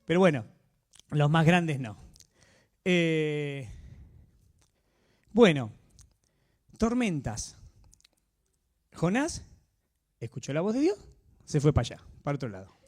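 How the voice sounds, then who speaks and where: Animated Rioplatense preacher man. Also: takes it slowly, long pauses. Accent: Rioplatense Spanish. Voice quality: animated, swinging pitch. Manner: conversational, asks the audience frequent tag questions. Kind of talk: sermon.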